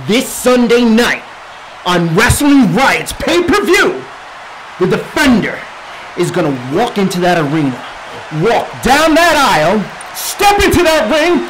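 A man's voice: high-pitched, background noise, full character voice. A young man playing a boastful, theatrical pro wrestler who talks in the third person in a promo parody, drawing out key words. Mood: taunting. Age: young adult. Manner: theatrical, boastful, drawn-out emphasis. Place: small indoor set, dark backdrop.

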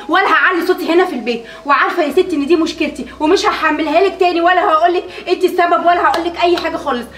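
A woman's voice: very high-pitched, a bit bright. A woman acting a mother in a family drama sketch, pleading and apologetic, swearing to get her due. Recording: echoey room from far off.

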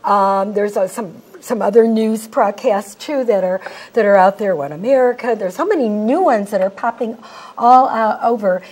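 A woman's voice: medium pitch, normal speed, darkish tone. A woman hosting a local talk show, speaking casually with many fillers and restarts. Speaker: host.

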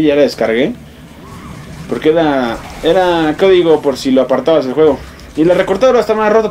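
A young man with a Mexican accent giving excitable, swear-filled let's play commentary, yelping and exclaiming as he plays. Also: on the high side, a little hiss or hum. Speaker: gamer.

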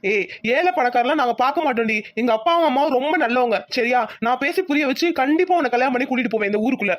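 Cartoon casting: a woman playing a devoted young village lover, high-voiced and fast, coaxing. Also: close to an everyday voice. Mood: pleading. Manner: coaxing and pleading, affectionate. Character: lovesick young village man, devoted and pleading. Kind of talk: cartoon voice acting.

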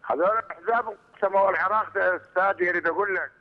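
A man from Iraq with an Iraqi accent, calling in on a headset phone, rushing through a heated complaint on an unclear line. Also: high voice. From Iraq, Mosul. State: hard to hear on the line. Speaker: caller. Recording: muffled phone line with reverb.

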